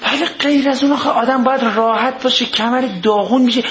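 A man with a high voice delivers a humorous religious lecture, joking and mimicking people as he goes. His pitch jumps up and down. The recording is echoey and a little muffled, with a dull lo-fi sound. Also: fairly even intonation, crowd noise. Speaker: cleric lecturer.

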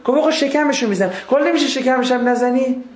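A man's voice: extremely high pitch, voice pushed up. Man doing a yelping tattoo customer. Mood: pleading. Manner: pleading, yelps and complains. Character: whiny man getting a tattoo, yelping in pain. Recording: echoey room.

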